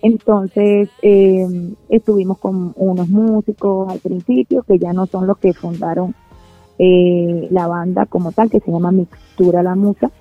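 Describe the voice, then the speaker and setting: Heard through a tinny phone-like connection, the Venezuelan woman, a band's singer and radio guest, keeps stumbling with fillers and restarts in her casual interview. Her voice sits on the low side, steady and measured, with faint music in the background and no echo.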